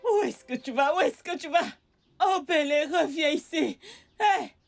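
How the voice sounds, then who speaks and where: A woman's voice: sits high, lively intonation, measured pace, gravelly, full character voice. An actress playing a mother who has gone blind, pleading and wailing, in a French-dubbed film drama. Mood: desperate. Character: mother going blind, beaten by husband. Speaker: actor. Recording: film soundtrack with faint music.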